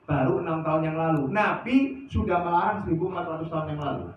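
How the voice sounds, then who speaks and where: A man preaching at a religious study session, animated, asking rhetorical questions of his listeners. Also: fairly high pitch, fast, slight background noise. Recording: echoey, distant, dull lo-fi sound.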